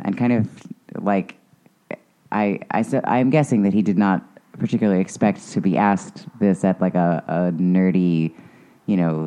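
Low, dark-voiced rambling man. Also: clear, resonant tone. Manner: rambling, hesitant storytelling with many restarts. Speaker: podcast co-host. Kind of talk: casual chat.

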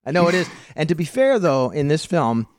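An American man hosting a casual movie-review podcast, chatty and quick to laugh, often restarting his sentences. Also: fairly high pitch, big pitch swings, slight background noise. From United States. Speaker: podcast host.

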